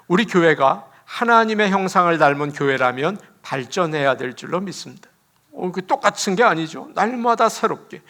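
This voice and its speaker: A man, a pastor, preaching an animated sermon in a church, laughing as he talks and acting out quotes. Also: fairly high pitch.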